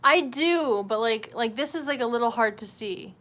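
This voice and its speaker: Her voice sits fairly high and sounds a bit bright, moving expressively at a moderate pace. While drawing on her livestream, this host chats casually, swears, and teases herself. The recording clearly picks up room ambience along with background noise.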